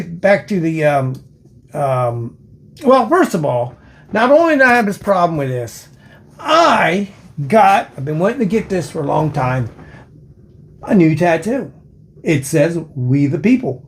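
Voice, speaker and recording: An older man with an American accent and a fairly high-set voice talks casually to his viewers. Missing teeth leave his F and S sounds soft and lisped. He speaks haltingly, wandering off and circling back as he goes. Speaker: video channel host, former police officer. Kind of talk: casual rambling vlog.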